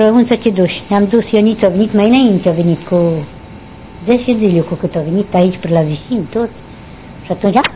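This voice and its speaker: An older woman, recalling her past in a rambling, halting way during an interview. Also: mid-range voice, slight background noise. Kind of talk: oral history recollection. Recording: dull lo-fi recording.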